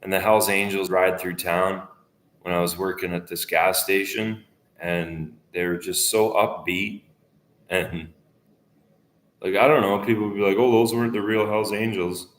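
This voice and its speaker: A man's voice: low voice, fairly even intonation, a little slow, fairly bright tone. A man in his twenties talking to the camera in a rambling, profane monologue that often trails off mid-thought. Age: 20s. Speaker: vlogger. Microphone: camera facing speaker. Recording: echoey room.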